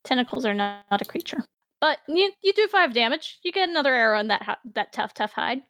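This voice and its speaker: Female game master for tabletop fantasy, higher voice, measured dramatic narration, close dry sound. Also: animated, fairly bright tone, no echo.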